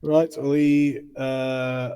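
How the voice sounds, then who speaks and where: A man running a tabletop role-playing game as game master, explaining rules at an unhurried pace with many fillers. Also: mid-range voice, flat delivery, warm tone, clear, resonant tone, dull audio.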